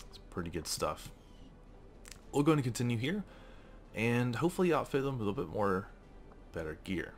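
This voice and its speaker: A man narrating his own gameplay in a casual, chatty way, full of enthusiasm. His voice sits a little low, but his pitch jumps around a lot as he talks. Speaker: let's play host.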